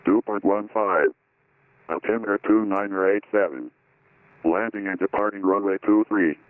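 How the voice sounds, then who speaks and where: Airport weather broadcast, low guy reading numbers flat over the radio, tinny and dry. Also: normal speed, no echo. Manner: flat, repetitive recorded readout of weather figures. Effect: airport weather broadcast heard over aircraft radio.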